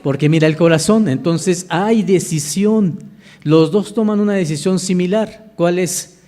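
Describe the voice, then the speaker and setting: A man's voice: high-pitched, measured pace, warm tone. A man, a minister, preaching a sermon in church, asking the congregation questions and reading scripture aloud.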